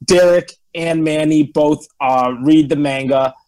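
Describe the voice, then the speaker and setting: A young man moderates a casual podcast. His voice is a little higher than most men's, and he talks informally as he introduces segments and addresses listeners. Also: steady tone, a little slow, darkish tone.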